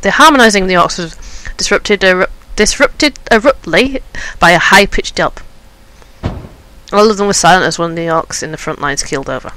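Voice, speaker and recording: A man's voice: sits high, normal speed, poor audio. A man playing a game, reading its story aloud and thinking aloud in a chatty way. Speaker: game player and reader. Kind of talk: game playthrough with read-aloud narration. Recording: loud game music behind.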